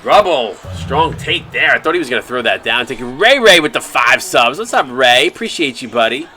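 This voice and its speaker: A play-by-play broadcaster calls a simulated basketball league game on a live stream, upbeat and thanking viewers by name between plays. His mid-range voice is bright, forceful and very animated at normal speed, with a little hiss or hum in the audio.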